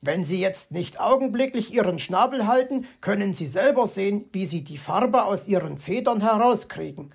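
A woman reading a children's audiobook, voicing a grumpy, vain male fox who grumbles and flares up quickly. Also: fairly high pitch, expressive, a little mellow, breathy edge, heavily acted. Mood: grumbling. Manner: grumbling, easily outraged.

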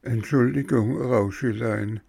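A man's voice: medium pitch, slow pace, vocal fry, dark tone, breathy edge, no echo, studio quality, pitched above the performer's own voice, heavily acted. A man voicing a shy, lovestruck young female helper in an audio story, who talks in a timid, pleading way.

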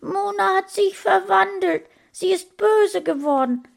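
A woman voicing a frightened young boy who shouts high and urgent. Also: slow pace, heavily acted. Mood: desperate.

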